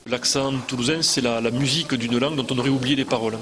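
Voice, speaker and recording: A man's voice: mid-range voice, steady tone, fast talker, a bit bright. A man explaining in an interview, patient and full of examples. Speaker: interviewed expert.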